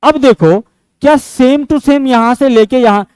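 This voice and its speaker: A man's voice: extremely high pitch, a little slow, smooth, dry recording, rough recording. A man teaching a physics class, often asking the students a question and answering it himself. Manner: asks and answers his own questions; switches between loud and soft speech.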